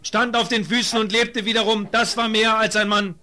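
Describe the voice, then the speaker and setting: A man's voice: high-pitched, flat delivery, normal speed, bright, forceful tone. A man interpreting a sermon, preaching fervently.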